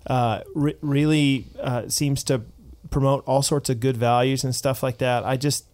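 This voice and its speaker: Male pastor, casual chat, lively, often restarts mid-thought. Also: mid-range voice, unhurried.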